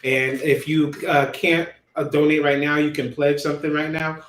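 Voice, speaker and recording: A man's voice: a little high, little pitch movement, moderate pace, slight background noise. A man hosting a casual livestream, loose and informal, laughing often as he talks. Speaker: show host. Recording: echoey room.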